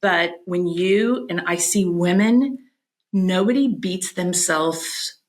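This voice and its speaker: A middle-aged woman, a podcast guest, chatting casually and telling animated stories, often restarting her sentences. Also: fairly low pitch, takes it slowly. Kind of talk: casual chat.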